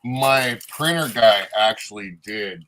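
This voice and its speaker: A man's voice: on the low side, animated, slow, pushed and bright. A man chatting informally as a guest on a livestream. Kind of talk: casual livestream chat.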